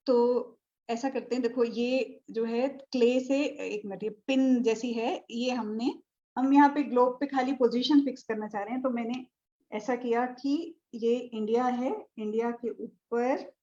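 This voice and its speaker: High-voiced woman teaching a lesson. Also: steady tone, a little slow, warm tone, highs cut off. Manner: explains step by step with a globe, checking with ठीक है. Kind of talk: live online astronomy lesson. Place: indoor room with a board and a tablet.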